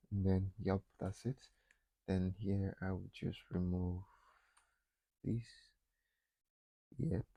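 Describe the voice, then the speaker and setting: A man talking himself through a coding tutorial, thinking aloud with frequent pauses and fillers. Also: deep voice, vocal fry, dark tone, dry recording, low-quality recording. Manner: thinking aloud, many ums and restarts. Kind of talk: casual screen-recorded coding walkthrough.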